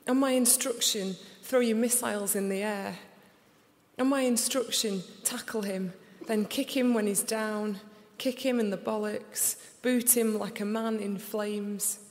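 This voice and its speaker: In a reverberant concert hall, a young poet from Sheffield, England, gives a live reading of her poems to an audience. She recites slowly and deliberately in a steady, medium-pitched voice with a darkish tone.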